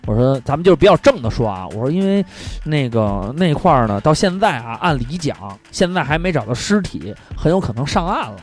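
A man's voice: on the high side, sing-song, a little fast, hardly any pauses, faint music behind. A man co-hosting a casual comedy podcast, telling stories animatedly, swearing freely and laughing often. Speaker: podcast co-host.

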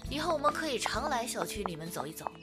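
In a Chinese audio drama, a woman plays a lively, confident thirty-three-year-old who is devoted to her girlfriend, sounding playful and reassuring. She speaks fast in a fairly high voice with big pitch swings, over loud background music.

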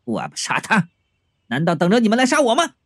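A man voicing a ruthless young male student who sneers with flat, cold menace in an audiobook. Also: high-pitched, fast talker, heavily acted.

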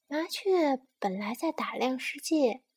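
Woman, bedtime story reading, gentle, unhurried, high voice. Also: animated, husky.

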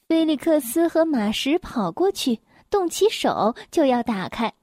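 A woman reads a children's picture book aloud in a gentle, clear, expressive way. Her voice sits high and light. The sound is dry and close. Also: a little slow, no room sound. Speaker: storyteller.

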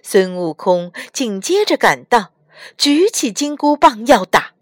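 A woman reading a children's storybook aloud in an expressive, sing-song way, as a storytelling mother. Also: a little high, a little slow, dry recording, clean studio sound.

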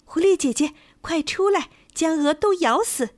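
A woman voicing a brave, determined male rooster with a high, bright crowing voice in a storybook tale. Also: very animated, moderate pace, no room sound.

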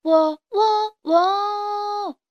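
Storybook part: brash young rooster, loud crowing, high and bright, read by a woman. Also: very animated, normal speed, no room sound, lo-fi sound. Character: young male rooster, cocky would-be singer.

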